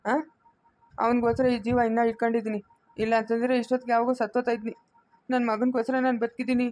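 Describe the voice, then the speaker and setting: A woman's voice: a little high, flat delivery, very fast, darkish tone, dry recording, close to an everyday voice. A woman acting a desperate estranged father who begs to hold his baby son, deferential and pleading, with a Chikkaballapur Kannada accent, in an amateur family drama. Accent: Kannada of Chikkaballapur area. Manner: pleading, deferential, keeps saying madam.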